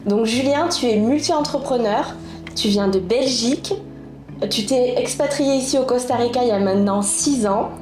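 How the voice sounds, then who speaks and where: Higher-voiced female co-host, roomy sound. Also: moderate pace, darkish tone. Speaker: co-host, interviewer. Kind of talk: casual interview.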